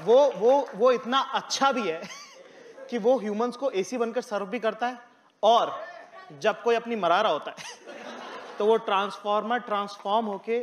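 A man with a high voice rattles off jokes at great speed, playful and mock-poetic. He is on a big indoor stage, and a loud audience and heavy noise sit all over his words. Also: very fast, over a noisy crowd. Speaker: comedian contestant. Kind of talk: joking banter in Hindi. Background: loud audience laughter.

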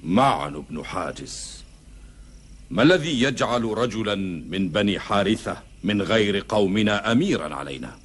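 A proud desert rebel in a historical TV epic. His voice is husky and on the low side. He declaims formally, brooding and defiant, throwing out challenges as questions. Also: expressive, normal speed. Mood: resentful, challenging. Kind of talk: historical epic TV drama acting in formal Classical Arabic.

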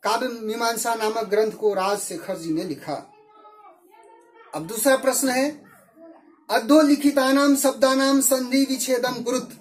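Woman, teacher, slow lesson pace, slightly high voice, methodical, repeats answers. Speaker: Sanskrit teacher.

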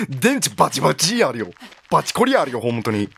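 Jumpy, wildly animated male game commentator. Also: a little high, normal speed, vocal fry, husky. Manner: jokey, yelps and exclaims at scares. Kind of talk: horror game let's play commentary.

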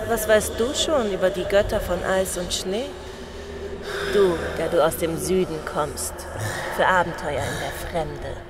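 A woman's voice: on the low side, unhurried, lightly acted. A woman as Atali, taunting frost maiden in noisy ambience. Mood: haughty. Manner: teasing, haughty. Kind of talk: audio drama acting.

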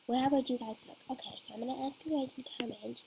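A woman's voice: high-pitched, fairly even intonation, rapid-fire, gravelly, background noise. A woman hosting a game let's play, talking hesitantly and rambling with many fillers into a computer mic. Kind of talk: casual gameplay commentary.

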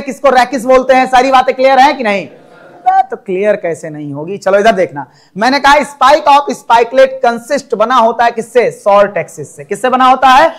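A man teaching a biology class, lecturing in a coaxing way and asking students questions over and over. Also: very high-pitched.

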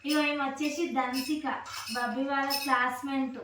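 A woman's voice: sits high, level tone, normal speed, over music. A woman hosting a casual home vlog, coaxing and questioning children in a sing-song way. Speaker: vlogger and mother. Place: home, children playing with toy kitchen sets. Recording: echoey room, voice from a distance, loud clattering of toy dishes.

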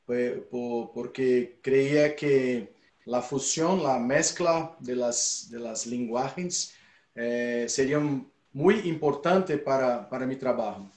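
A middle-aged man with a Brazilian Portuguese accent, a native Portuguese speaker, presenting informally in halting Spanish mixed with Portuguese, searching for words. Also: medium pitch, a little mellow. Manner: speaks slowly and deliberately. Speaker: musician and performing arts teacher. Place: small indoor room full of percussion instruments. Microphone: video call, a little away from camera. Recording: roomy, echoey video call.

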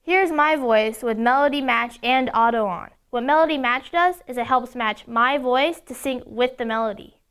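A woman's voice: a little high, moderate pace, few pauses, a bit bright, clear, resonant tone. A woman giving an upbeat, step-by-step scripted demonstration of a toy product.

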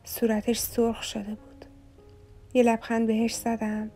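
A woman reading a novel aloud as an audiobook narrator, in a soft, even storytelling manner. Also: a little high, soft background music.

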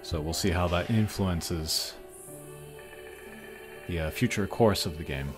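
A deep-voiced man speaks at a slow pace while hosting a gaming channel. He offers casual, hesitant commentary, thinking aloud over his mobile game pulls as game music plays behind him.

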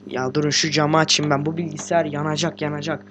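A teenage boy, a gaming host, giving casual let's-play commentary while sick and talking quietly, chatty, slangy and joking with swearing. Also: fairly high pitch, little pitch movement, fast, background noise. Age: teens. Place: room at home with a computer.

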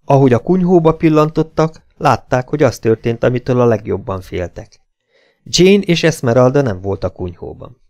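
A man narrating an adventure audiobook in a dramatic, measured storytelling manner. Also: mid-range voice, darkish tone.

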